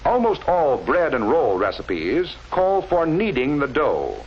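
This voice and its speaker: A scripted 1940s instructional film features a male narrator whose voice sits on the high side and swings hugely in pitch. He speaks in a measured, teacherly way with careful enunciation, while the vintage audio has its highs cut off and a little hiss or hum.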